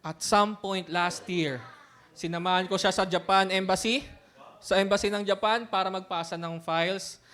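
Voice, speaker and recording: A man's voice: high voice, steady tone, moderate pace, a bit bright. A man, a pastor, telling a personal story in a sermon, mixing in English words and often laughing as he talks. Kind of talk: sermon testimony.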